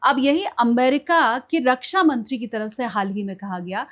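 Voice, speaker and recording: A woman from India hosting a podcast interview, asking probing, measured questions. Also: a little high. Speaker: podcast host.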